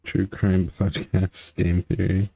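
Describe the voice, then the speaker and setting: Deep-voiced man joking through a game. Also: monotone, takes it slowly, vocal fry, dark tone, husky. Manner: joking, wry. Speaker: let's play host. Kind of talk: casual game commentary.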